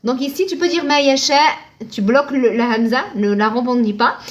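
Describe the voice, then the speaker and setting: Woman, high voice, patient live online teacher who quizzes and answers herself. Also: lively intonation, normal speed, dull audio. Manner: patient, asks and answers her own questions, thanks viewers by name. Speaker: Arabic reading teacher.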